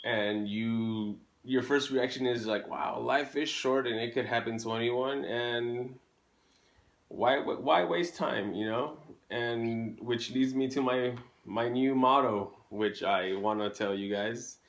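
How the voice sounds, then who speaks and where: A man's voice: medium pitch, slow pace. A man co-hosting a video channel in casual chat, acting out his own thoughts as he talks.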